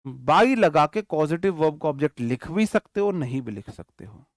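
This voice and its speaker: A man's voice: a little high, lively intonation, moderate pace, no echo, studio quality. A man giving an online English grammar lesson, dictating example sentences word by word and checking in often with the class. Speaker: English teacher.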